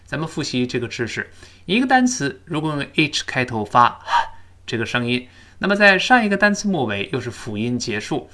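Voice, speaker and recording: A man teaching spoken English, explaining words and then drilling them slowly for learners to repeat. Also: mid-range voice, big pitch swings, sharp tone.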